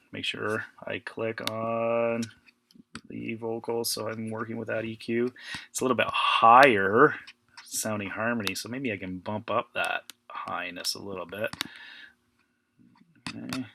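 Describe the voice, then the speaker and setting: A man teaching an informal audio editing lesson, thinking aloud in a relaxed way. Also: mid-range voice, a little slow, vocal fry, long pauses, background noise. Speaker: music teacher. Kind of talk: casual screen-recorded audio editing tutorial.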